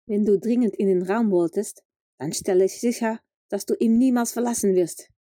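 A woman's voice: medium pitch, measured pace, warm tone, dry recording, clean studio sound. Bluebeard, a menacing rich man, read by a woman. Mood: threatening. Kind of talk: storybook reading.

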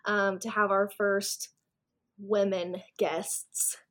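A woman's voice: mid-range voice, little pitch movement, extremely slow, a bit bright. A young woman co-hosting a casual podcast, chatty, laughing often and swearing casually. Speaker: podcast co-host.

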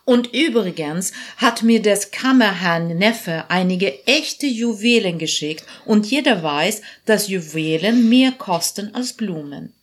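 A man voicing a haughty, snobbish young woman in a storybook reading, in a shrill, scornful falsetto. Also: animated, slow pace, hardly any pauses, a bit bright, heavily acted. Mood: dismissive.

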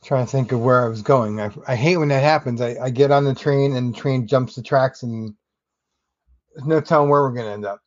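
A man talks solo as a podcast host in a mid-pitched voice, wandering conversationally from thought to thought with wry asides. The recording is dry and slightly dull. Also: brisk, no echo. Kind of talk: casual solo podcast monologue.

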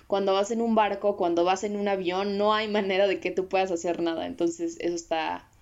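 A woman's voice: medium pitch, steady tone, brisk, a little mellow, muffled recording. A woman with a Mexican accent, co-hosting a casual discussion and rambling with fillers and restarts. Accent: Mexican Spanish. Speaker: podcast co-host.

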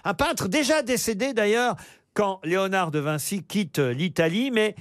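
A man's voice: high voice, animated, unhurried, no echo, clean studio sound. A man hosting a radio quiz show, reading prize plugs and teasing his panelists in a chatty way. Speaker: radio game show host. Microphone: studio microphone.

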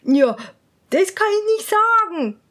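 A woman's voice: very high-pitched, sing-song, takes it slowly, a bit bright, pitched above the performer's own voice, exaggerated voice. A woman voicing a prim, flustered young court lady, shocked and fussy. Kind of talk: storybook reading.

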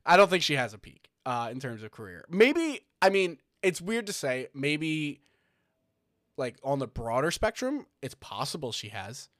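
A man co-hosts a casual podcast, rambling through figures with plenty of fillers and false starts. His voice sits on the high side and is sing-song and fairly bright, at a moderate pace. The studio-quality recording has no echo.

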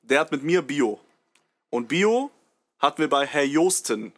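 A man's voice: on the high side, lively intonation, a little slow, a bit bright. Slangy young man telling anecdotes. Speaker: podcast host. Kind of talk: casual podcast chat.

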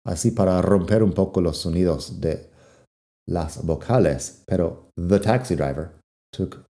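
A man giving a language lesson, slowly repeating English example sentences and explaining them. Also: sits low, dark tone. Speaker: English teacher.

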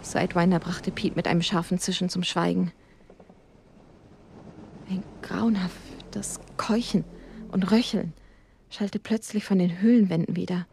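A woman narrating a suspense story in a slow, hushed, dramatic reading. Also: lowish voice, steady tone, vocal fry, a little hiss or hum.

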